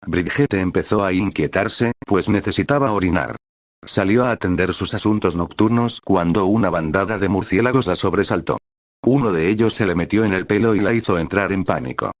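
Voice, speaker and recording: Male narrator, deep voice, dry close sound, even storybook reading. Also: no room sound. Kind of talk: reading a fan story aloud.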